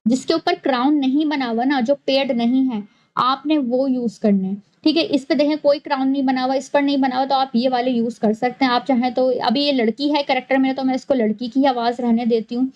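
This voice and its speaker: A woman with a high, light voice walks through a software tutorial step by step. She explains patiently and goes back over key points. The recording is dull and lo-fi. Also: fairly even intonation, brisk. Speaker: animation tutorial host.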